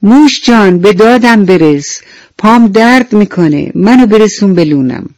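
A woman's voice: medium pitch, expressive, a little mellow, no room sound, voice pushed up, close to an everyday voice. A woman voicing a selfish little male beetle in a children's radio bedtime story, speaking in a raised, pleading tone.

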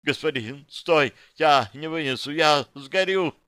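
A man's voice: fairly high pitch, a little slow, bright, forceful tone, clean tone, no room sound, clean studio sound, pitched above the performer's own voice. A man voicing a young female demoness who pleads breathily and trembles, read as an audiobook. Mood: pleading breathless.

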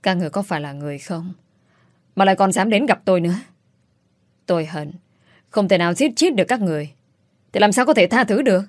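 A woman voicing a bitter young woman who accuses her relatives in quick, sharp outbursts, in an audiobook. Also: mid-range voice, lively intonation, dry recording, clean studio sound, lightly acted. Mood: bitter, accusing. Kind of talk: audiobook character voice.

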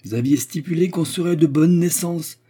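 A man's voice: a little high, moderate pace, warm tone, husky, voice pushed up. A man voicing a proud, easily outraged baroness who exclaims shrilly. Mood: insistent.

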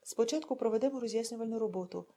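A woman voicing a measured male party organizer who delivers a formal meeting speech. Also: a little high, mellow.

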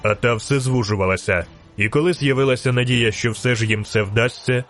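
Guy narrating an audiobook, mid-pitched even voice, faint music underneath. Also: a little fast.

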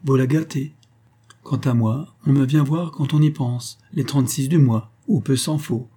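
A man reading an audiobook voices a calm, indifferent young society woman who speaks lightly and teasingly. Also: medium pitch, moderate pace, slightly rough, voice pushed up, close to an everyday voice.

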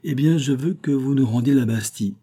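Un homme qui joue un paysan direct et fier dans un roman lu à voix haute. Le timbre est chaud et assourdi, légèrement enroué. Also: male voice, medium pitch, a little fast, mellow, breathy edge, pitched above the performer's own voice, close to an everyday voice. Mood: impatient. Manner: blunt, plainspoken. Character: proud, blunt provincial male farmer.

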